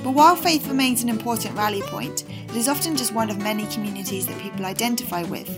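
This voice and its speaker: A woman's voice: fairly high pitch, fast. A woman podcast host reading polished scripted narration. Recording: voice over background music.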